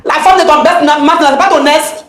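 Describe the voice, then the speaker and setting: A woman's voice: high voice, normal speed, echoey room. A woman confronting her husband on a mediation show, accusing him and repeating her questions insistently. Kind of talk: heated confrontation.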